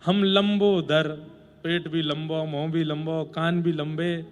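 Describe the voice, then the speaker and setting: A pouting elephant-headed god, put on by a man telling a sacred story grumbles his refusals in a lilt. The voice drops lower and heavier than the teller's own. Faint music runs softly behind. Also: little pitch movement, takes it slowly, smooth, big-room sound. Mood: sulky. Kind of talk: storytelling in a sermon.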